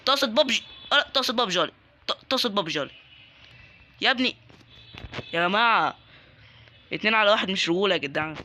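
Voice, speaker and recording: Young man, Egyptian Arabic accent, gaming commentary, teasing, quick talker, high voice. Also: slight background noise. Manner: excitable, joking, taunting other players. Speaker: gaming YouTuber. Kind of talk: live Roblox gameplay commentary.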